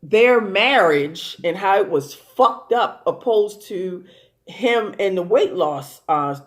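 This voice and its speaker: A woman talks through a TV episode in a loose, rambling way, full of "um"s, "you know"s and restarts. She is blunt and openly amused, and she swears freely. Her voice sits at an ordinary pitch. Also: animated, slow pace. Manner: rambling and profane, with many fillers and restarts. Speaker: TV show commentator. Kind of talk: casual recap commentary.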